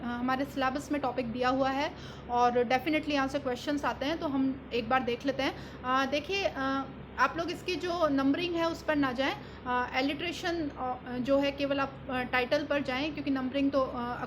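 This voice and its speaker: A woman with an Indian accent teaching an exam-prep lesson. She explains in Hindi mixed with English terms, with many "uh" fillers, and reads the English examples slowly. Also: sits high, slight background noise.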